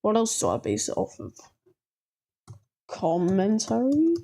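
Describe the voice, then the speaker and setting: A woman hosting a reaction video, talking in a slangy, halting way as she thinks aloud and gives ratings. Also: mid-range voice, huge pitch swings, vocal fry, dark tone. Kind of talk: casual reaction commentary.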